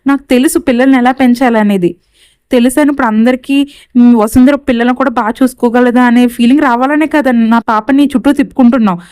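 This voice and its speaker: A woman's voice: fairly high pitch, fairly even intonation, fast talker, clean tone, no echo, lightly acted. A woman doing an angry accusing young mother. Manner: sharp, accusing questions.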